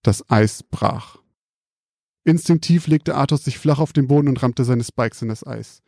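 A man calmly reading out a scripted spooky story in a measured, quiet storytelling manner. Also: medium pitch, vocal fry, dry recording, clean studio sound.

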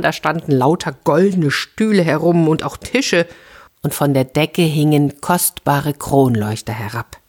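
A woman reading a fairy tale aloud for children, lively and expressive. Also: sits low, breathy edge. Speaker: storyteller.

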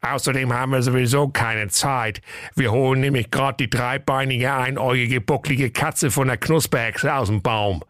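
A man's voice: mid-range voice, steady tone, normal speed, fairly bright tone, no echo, studio quality, voice pushed up, natural voice. A man voicing an offhand, dismissive firefighter in a comic radio fairy tale. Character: lazy, shrugging male firefighters.

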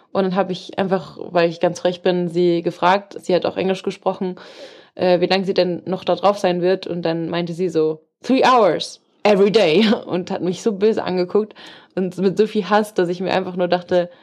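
A woman's voice: lowish voice, a little mellow. A woman from Germany co-hosting a podcast in casual chat, telling stories and laughing often. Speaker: podcast co-host. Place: hotel in the Austrian Alps.

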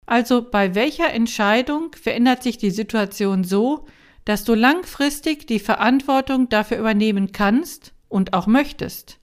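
A woman coach hosting her own podcast, reading a prepared monologue and speaking directly to the listener with many questions. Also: fairly high pitch. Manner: slow, measured, addresses the listener directly with questions.

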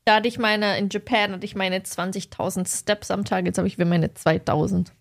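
A young woman, co-hosting a podcast, telling stories in a lively way and acting out the people in them. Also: medium pitch, a little fast, vocal fry, no room sound, studio quality. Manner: lively storytelling, acts out quoted people. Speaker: podcast co-host. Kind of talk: casual chat.

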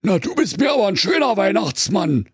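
A man's voice: sits high, big pitch swings, a little fast, slightly rough, no room sound, clean studio sound, pitched above the performer's own voice, heavily acted. A man doing a flustered big bear. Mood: grumbling. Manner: sheepish, flustered, blustering. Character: big bumbling male bear posing as Ruprecht.

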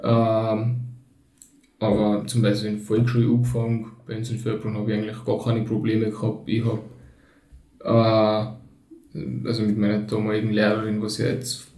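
A Turkish-born man in his twenties who grew up in Tyrol speaks with a Tyrolean accent as a guest on a podcast, in casual conversation. His voice is lowish and mellow, completely flat in delivery, at a moderate pace, and he sounds reflective and hesitant, with lots of fillers. The recording has a roomy echo, and he sits somewhat distant from the mic.

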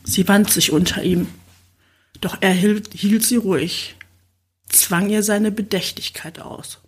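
A woman narrates an erotic audiobook in a slow, sensual reading. Her voice is breathy and soft at a middle pitch, with long unhurried phrases. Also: steady tone. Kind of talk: scripted narration of an erotic novel.

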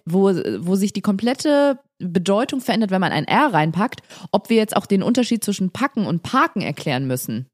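A woman co-hosting a casual podcast, animated and chatty as she reads out listener mail. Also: medium pitch, fairly quick, hardly any pauses. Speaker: podcast co-host. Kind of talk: casual chat.

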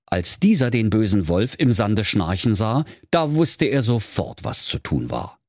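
A man with a lowish, very animated voice narrates a comic fairy tale at an unhurried pace, in a dramatic storybook manner. He's a storyteller and podcast host, heard in a studio-quality recording with no echo.

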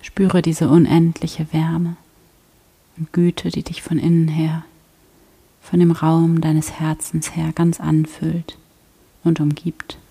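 A woman guiding a prayer meditation in a soft, slow, half-whispered voice. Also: low voice, monotone, gravelly, slightly rough. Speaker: prayer guide.

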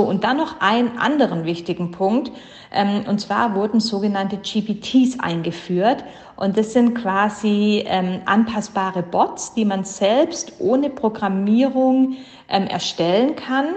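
A woman co-hosting a podcast gives a brisk, upbeat spoken update, recorded as a low-quality voice message. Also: a little mellow, echoey room. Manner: brisk, upbeat, lightly correcting herself. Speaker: podcast co-host. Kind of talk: quick spoken news update.

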